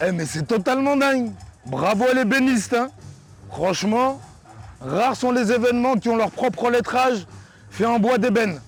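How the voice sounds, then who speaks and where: A man doing hyped street interviews at an outdoor festival, exuberant and hype-man loud. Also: very high-pitched, expressive, moderate pace, soft background music.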